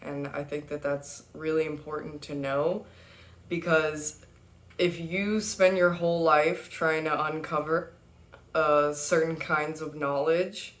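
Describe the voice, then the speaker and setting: A woman giving a casual tarot reading, chatty and relaxed, laughing often between fillers. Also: low-pitched, slow pace, reverberant. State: has the hiccups. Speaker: tarot reader.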